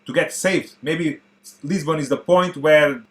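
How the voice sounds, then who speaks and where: A man from Portugal in his thirties, a native Portuguese speaker, chatting excitedly to viewers as he reacts to an old film. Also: a little high, unhurried, a little hiss or hum. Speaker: movie reaction host. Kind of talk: casual reaction commentary.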